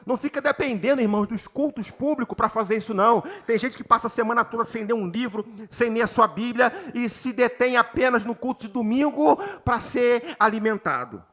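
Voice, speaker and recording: A man from Brazil, a pastor preaching a sermon, reading scripture slowly and often calling out to the congregation with rising emphasis. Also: very high-pitched, fairly bright tone. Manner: reads scripture slowly and has the congregation repeat words. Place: church retreat gathering.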